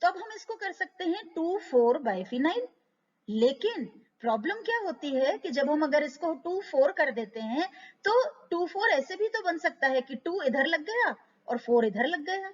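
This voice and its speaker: A woman with an Indian accent, lecturing on chemistry, slowly and deliberately, stretching out key terms. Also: extremely high pitch, sing-song. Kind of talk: lecture explaining organic nomenclature. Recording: lo-fi, hall reverb, distant mic.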